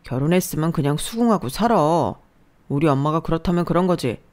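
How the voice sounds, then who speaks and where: A domineering husband, read by a woman in a lowish voice. He speaks curtly and dismissively in this storybook story. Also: animated, a little fast, a little mellow. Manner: curt, domineering. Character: bossy, dismissive husband, adult man.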